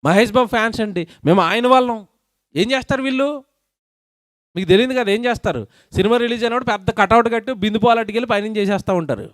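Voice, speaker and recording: A man preaching a sermon at a public meeting, questioning his listeners and quoting scripture slowly and emphatically, with a Telugu accent. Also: high voice, no echo, studio quality. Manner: questions the crowd, quotes scripture slowly and loudly.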